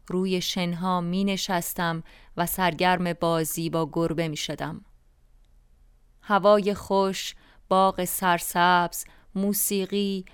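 An older woman from Iran reading her own memoir aloud in a slow, wistful and reflective way. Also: medium pitch, clear, resonant tone, no echo, studio quality. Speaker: narrator.

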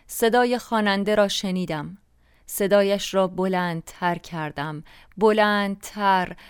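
An older woman from Iran reading her own memoir aloud in a slow, wistful and reflective way. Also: lowish voice, smooth, no echo, clean studio sound. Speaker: narrator.

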